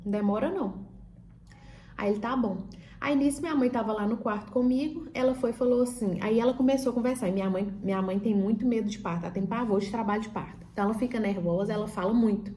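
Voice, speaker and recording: Chatty woman with a mellow voice. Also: fairly high pitch, quick pace. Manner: chatty, retells dialogue with many fillers. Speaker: vlogger telling her birth story. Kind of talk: casual storytelling.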